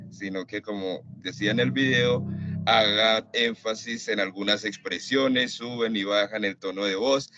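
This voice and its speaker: A man's voice: on the low side, a bit bright. A man teaching a web conference class, explaining to his students and addressing them directly. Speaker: lecturer. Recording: dry, dull lo-fi call audio.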